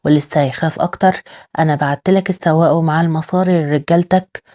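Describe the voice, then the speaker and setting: A woman's voice: sits low, fairly even intonation, quick pace, mellow, natural voice. A woman with an Egyptian accent reading the lines of a scheming, scornful young man. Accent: Egyptian Arabic.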